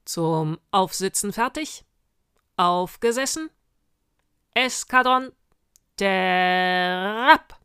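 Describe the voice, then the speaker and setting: A woman's voice: medium pitch, expressive, very slow, pauses often, fairly bright tone, clear, resonant tone, dry recording, clean studio sound, full character voice. A woman voicing a stout, grumbling old male sergeant who barks drill commands at a troop of witches. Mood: commanding.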